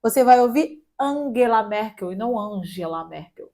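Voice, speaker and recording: A woman's voice: on the high side, lively intonation, dark tone. Chatty Brazilian woman teaching German. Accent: Brazilian Portuguese. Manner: chatty, spells letters out slowly, jokes lightly. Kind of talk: casual online language lesson.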